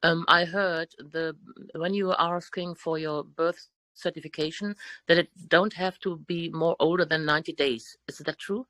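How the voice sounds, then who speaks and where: A woman's voice: sits low, steady tone, normal speed, fairly bright tone, dry recording. A woman from Germany calling in with questions, speaking hesitantly and searching for her words. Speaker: caller. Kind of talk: casual call-in question.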